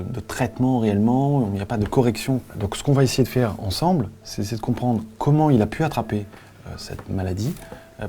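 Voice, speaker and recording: A man playing a solemn, awkward doctor who gives grave news in a deadpan, hesitant comedy-sketch delivery. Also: on the low side, natural voice.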